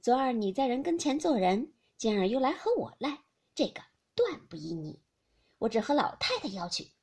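A woman reading aloud as a bantering, sharp-tongued noble lady who scolds with a laugh. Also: a little high, very animated, normal speed, breathy edge, heavily acted. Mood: teasing.

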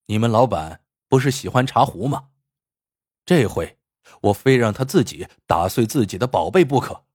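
A man voicing a clever blind man in a storybook tale, speaking in a calm, wry, husky way. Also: mid-range voice, moderate pace, no echo, studio quality.

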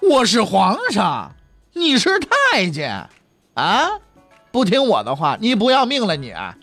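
A male storyteller voicing a stubborn, angry emperor with a commanding, drawn-out delivery. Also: medium pitch, huge pitch swings, breathy edge, no echo, soft background music, voice pushed down, heavily acted. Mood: furious.

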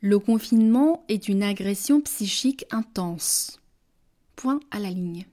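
Slow, deliberate woman reading a dictation. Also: lively intonation, mellow. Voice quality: measured, deliberate, dropping low on punctuation words. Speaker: dictation reader. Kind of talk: slow French dictation, each phrase read twice with punctuation spoken.

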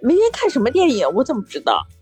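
A woman co-hosting a chat show, speaking casually and telling anecdotes in an animated way with quoted dialogue. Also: high voice, quick pace, breathy edge. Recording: music bed behind the voice.

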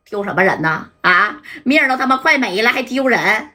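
A woman voicing a humiliated male gangster with gruff, defiant swearing. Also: fairly high pitch, expressive, normal speed, bright, forceful tone.

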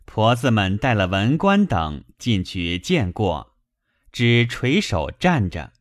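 Guy reading an old novel out loud, lowish voice, lively pitch, dry sound. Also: takes it slowly, dry recording. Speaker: audiobook reader. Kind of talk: reading a classic novel aloud.

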